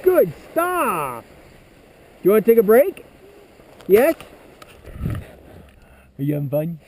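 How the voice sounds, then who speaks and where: A woman's voice: medium pitch, wildly swooping pitch, slow. A woman outdoors on a ski slope, casually and playfully encouraging a small child, often exclaiming. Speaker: parent coaching a small child on skis. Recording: faint outdoor background noise.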